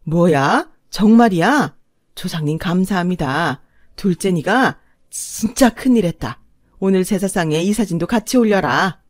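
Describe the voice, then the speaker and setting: A stern older father-in-law bellows and lectures with total authority, voiced by a woman. He talks down loud and heavy. The recording is close and dry. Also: lowish voice, lively intonation, a little slow, no room sound. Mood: overjoyed.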